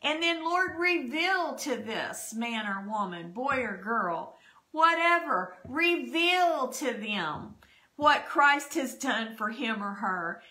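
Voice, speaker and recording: A middle-aged woman pastor's voice sits on the high side, bright and forceful, expressive but unhurried. She fervently prays and quotes scripture in spoken prayer and testimony for a church broadcast. It's captured on a desk podcast microphone in her home dining room.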